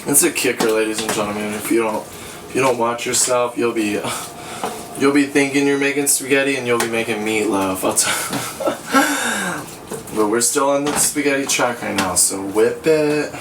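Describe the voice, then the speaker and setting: A man's voice: medium pitch, fairly even intonation, moderate pace. A tipsy, giggly American man in his twenties, sassy and sweary, giving casual cooking commentary to a camera a few feet away. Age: 20s. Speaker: host of a home cooking show. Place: small cluttered home kitchen. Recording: echoey kitchen, distant mic, pan noise. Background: sizzling pan and clattering utensils.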